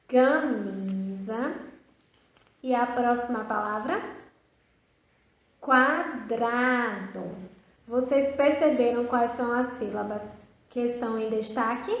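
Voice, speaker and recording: A woman teaching a video lesson for young children, modeling words slowly and drawing out each one with sing-song prompts. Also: a little high. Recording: echoey, dull lo-fi room sound.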